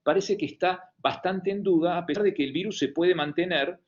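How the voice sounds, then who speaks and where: A man's voice: high voice, a little fast. Man lecturing with Argentine Spanish accent. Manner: hesitant, many fillers and restarts. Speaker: medical lecturer. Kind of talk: online lecture. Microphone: video call. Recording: dull lo-fi online call audio.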